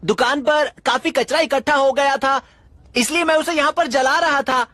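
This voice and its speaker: A brash, boastful boy in a dubbed cartoon, high and bright, loud and pushy. Recorded dry and close, like a studio dub. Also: moderate pace, no echo. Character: tough, boastful boy nicknamed Buta Gorilla.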